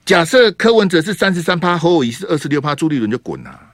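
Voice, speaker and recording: A man fires off teasing, combative questions as a call-in radio host. He talks fast and his pitch swings widely. The sound is dry and close. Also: sing-song, no room sound. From Taiwan. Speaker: radio talk show host.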